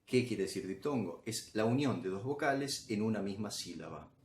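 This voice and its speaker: A man's voice: on the low side, lively intonation, normal speed, darkish tone, a little hiss or hum. A man explaining grammar as a teacher, patient and step by step, often checking in with the listener.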